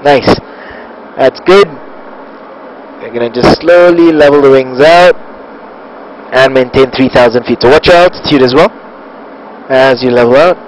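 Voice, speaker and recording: A man coaching live as a flight simulator instructor, giving short, calm, encouraging step-by-step instructions. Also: mid-range voice, unhurried, pauses often, rough recording. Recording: steady cockpit-like background noise.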